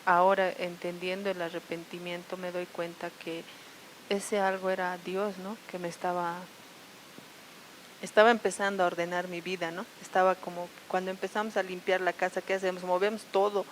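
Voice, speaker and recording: A woman with a La Paz Bolivian accent shares her personal testimony, earnest and halting, often restarting and tagging her sentences with questions. Her voice sits fairly low. A faint hiss runs under it. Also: level tone, rough recording. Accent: Bolivian Spanish, La Paz. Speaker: church member giving testimony. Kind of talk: personal testimony at a prayer service.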